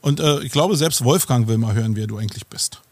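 A man's voice: medium pitch, fast, no echo. A man hosting a podcast in casual chat, joking and playful, with frequent fillers. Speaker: podcast host.

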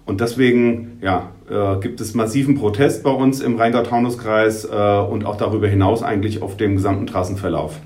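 A man's voice: fairly low pitch, fairly even intonation, a little fast, few pauses, a little mellow. A man, a local newspaper editor, answers interview questions, explaining at length with many hesitations and restarts. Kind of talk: podcast interview.

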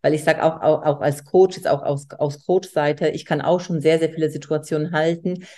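A woman's voice: low voice, steady tone, moderate pace. A woman hosting a podcast and working as a coach herself, chatting casually and rambling with repeated words. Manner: rambling, repeats words, warm-hearted encouragement. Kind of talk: casual interview chat.

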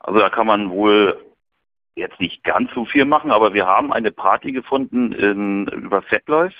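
A man calling in over the phone from a hotel room, chatting in a relaxed, storytelling way. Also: lowish voice, moderate pace, creaky, dry recording. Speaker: caller. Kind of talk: casual chat. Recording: tinny phone line.

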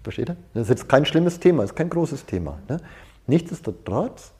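A man speaking at normal speed in a warm, medium-pitched voice makes big pitch swings. He's conducting a casual seminar with personal anecdotes, often checking in with brief tag questions.

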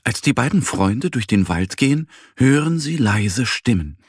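A man narrating a children's story slowly and gently, with a husky voice. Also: medium pitch, dry recording, clean studio sound. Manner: slow, gentle, expressive.

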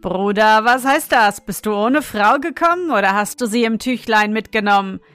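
A woman's voice: mid-range voice, expressive, moderate pace, fairly bright tone, smooth, no echo, faint music behind, lightly acted. A woman reading scornful mocking royal brothers.

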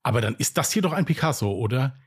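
A man's voice: mid-range voice, animated, quick pace, slightly rough. A man playing a clueless, gushing rich woman visiting a museum in a joke. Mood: eager. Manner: eager and naive.

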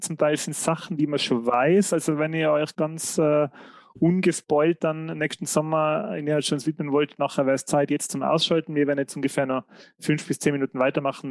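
A man, co-hosting a casual film podcast, relaxed and steering the conversation. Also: a little high, dry recording. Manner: relaxed, steers the talk, chuckles often. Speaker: podcast co-host.

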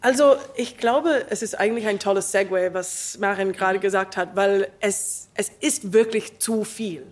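A woman's voice: medium pitch, moderate pace, hardly any pauses. A woman, an English speaker, talking emphatically and enthusiastically in an interview, mixing in English words. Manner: emphatic, non-native phrasing with English words mixed in. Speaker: theatre artist interviewed about a production.

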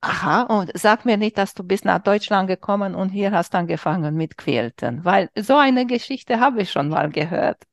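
A woman's voice: medium pitch, animated, normal speed, hardly any pauses, no room sound, studio quality. A woman hosting a casual interview podcast, playful and chatty, with slightly broken German grammar. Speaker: podcast host.

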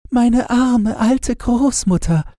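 A man's voice: slow pace, warm tone, no room sound, studio quality. A man voicing an earnest little girl. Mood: wistful. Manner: high pleading girlish voice. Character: a young girl searching, earnest and sad.

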